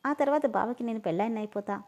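A woman's voice: a little high, quick pace, a little mellow, dull audio, close to an everyday voice. A woman voicing a naive young woman who is smitten with her cousin and talks in a dreamy, whiny way. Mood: lovestruck.

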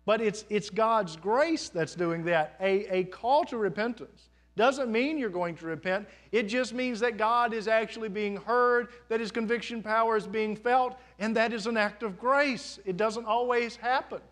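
A man's voice: high voice, measured pace, few pauses, fairly bright tone. A man pastor preaching a live sermon in a church, in an earnest, conversational way with folksy asides. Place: church sanctuary.

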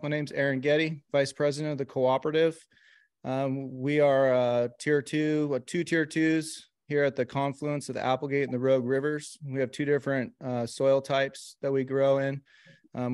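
Man hosting a video call meeting, clear smooth voice, dry sound, easygoing and halting. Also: medium pitch, no room sound. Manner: relaxed, halting with fillers. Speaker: meeting host, co-op vice president. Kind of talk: casual online meeting.

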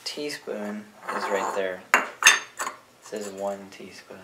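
A man's voice: fairly low pitch, flat delivery, slow pace. A young man helping in a home kitchen. He reads out recipe steps in a matter-of-fact, lightly teasing way. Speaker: cooking helper. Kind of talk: casual chat, reading recipe steps. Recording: echoey kitchen, distant camera, noisy.

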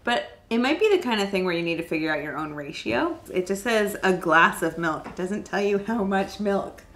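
A woman's voice: medium pitch, lively intonation, normal speed, fairly bright tone, slight background noise. Chatty, curious woman tasting snacks. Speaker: snack taste-test co-host. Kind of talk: casual chat.

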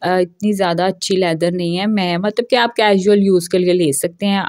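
A woman's voice: lowish voice, darkish tone, no echo, clean studio sound. A young woman, chatting casually and joking as she walks through a shopping mall with her phone camera. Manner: chatty, jokey, laughs often between remarks. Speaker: shopping vlogger. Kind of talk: casual walk-through vlog. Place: indoor shopping mall, walking through aisles.

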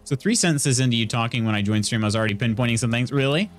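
Soft music plays behind a very fast, mid-range male voice. The speaker is a streamer in his thirties with an Indiana Midwestern accent, casually commenting on his game and chatting with viewers from a small home room through a studio mic on an arm by his face.

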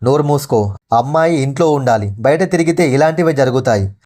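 A man's voice: medium pitch, lively intonation, brisk, a little mellow, lightly acted. A man voicing a stern village father who scolds his daughter irritably, in a storybook reading. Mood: stern scolding.

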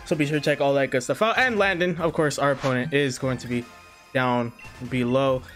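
A man's voice: medium pitch, brisk, fairly bright tone, faint music behind. A young man hosting his gaming channel, talking casually and a little scattered over his match, slightly out of breath. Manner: chatty and scattered, many fillers. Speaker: YouTube gaming channel host. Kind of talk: casual gameplay commentary.

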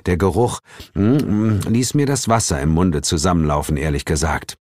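Playful, expressive male audiobook narrator. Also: extremely low pitch, fairly quick, no room sound, studio quality. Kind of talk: scripted comic audiobook narration. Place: recording studio.

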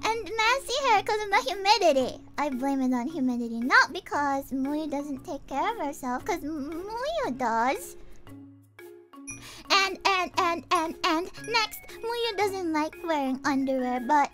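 Cute anime streamer, female: extremely high childlike voice, bright and very animated, playful livestream chat over music. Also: measured pace. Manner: cute anime streamer, childlike, refers to herself in third person; giggly, playful, sprinkles cutesy verbal tics. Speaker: virtual streamer introducing herself.

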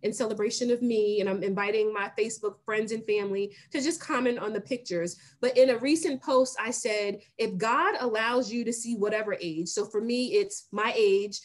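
A woman in her late forties, a guest on a video call, talking in an animated, emphatic way and laughing easily. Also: medium pitch, normal speed, hardly any pauses. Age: 40s. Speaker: guest, brand founder. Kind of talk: casual video-call conversation. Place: home room.

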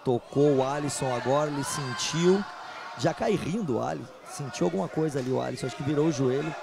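A man's voice: fairly high pitch, quick pace, creaky. A man with a Brazilian accent doing informal, slangy live commentary on an MMA fight.

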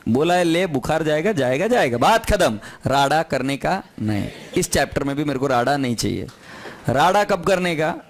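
A man teaches accounting in a classroom, pitched a little high. He is firm with his class and teases his students, sliding between Hindi and English as he explains. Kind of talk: recorded classroom lecture.

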